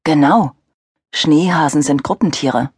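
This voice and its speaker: Woman doing a young father, gentle, teasing, husky mid voice, dry audiobook sound. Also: deep voice, a little slow, no room sound, heavily acted. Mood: fond.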